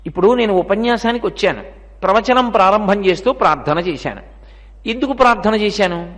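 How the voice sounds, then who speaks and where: Man, Telugu accent, devotional discourse, high pitched, rhetorical questions, reverberant lecture hall. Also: expressive, fairly quick, fairly bright tone. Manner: rhetorical questions and everyday examples. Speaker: religious discourse speaker.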